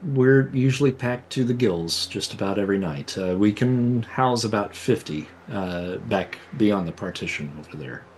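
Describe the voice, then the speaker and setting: Low-voiced man running a tabletop game. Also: moderate pace, hardly any pauses, slight background noise. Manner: relaxed, descriptive, with many fillers. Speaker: game master.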